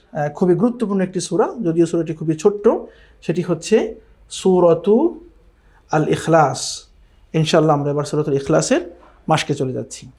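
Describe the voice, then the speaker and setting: High-voiced man teaching Quran recitation. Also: a little mellow. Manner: patient, repeats and drills pronunciation; chants Quranic recitation slowly. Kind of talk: recorded online lesson.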